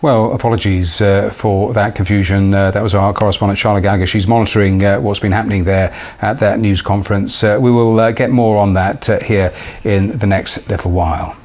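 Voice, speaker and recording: A man works as a live newsreader. His voice is on the low side as he presents. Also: fairly even intonation, brisk, hardly any pauses, darkish tone. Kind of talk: live news reading.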